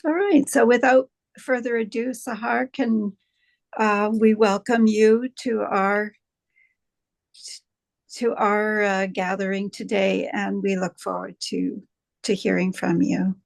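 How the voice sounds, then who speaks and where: Slow, gravelly-voiced woman hosting a webinar. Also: mid-range voice, fairly even intonation, dry recording. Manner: hesitant, many fillers and restarts. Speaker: webinar host. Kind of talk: moderating a webinar. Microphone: video call.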